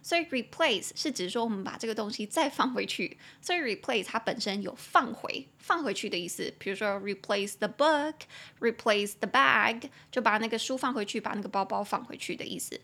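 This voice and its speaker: A woman's voice: fairly high pitch, lively intonation, sharp tone, husky. Chatty young Taiwanese woman teaching English. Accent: Taiwanese Mandarin. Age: 20s. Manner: chatty, explains words slowly and repeats them. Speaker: English teacher podcast host. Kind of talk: casual podcast English lesson.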